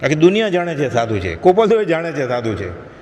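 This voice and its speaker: A man delivers a devotional discourse in a slightly high voice, earnest and admonishing. His words ring out with a long reverb in a large hall, over a faint ambient hum. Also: sing-song, brisk, a little mellow. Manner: earnest, admonishing, acts out short quoted prayers. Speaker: spiritual lecturer. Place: satsang hall.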